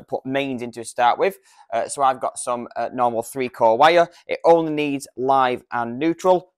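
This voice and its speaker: Speaking smoothly at a medium pitch, a British man in his thirties walks through a product demo step by step. His manner is informal, practical and explanatory, and he's recorded on a lavalier lapel mic.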